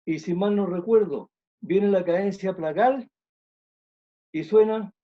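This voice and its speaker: A man's voice: high-pitched, slow pace, dull audio. A man, an orchestra conductor giving an online music talk, explaining thoughtfully and repeating phrases as he thinks.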